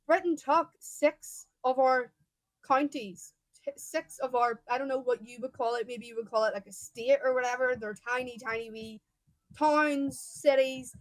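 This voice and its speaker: A woman's voice: high-pitched, moderate pace, fairly bright tone, no echo, low-quality recording. Blunt young Irish woman, dry close sound. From Ireland. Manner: blunt, emphatic, stumbles over words. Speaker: guest debater. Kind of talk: heated debate.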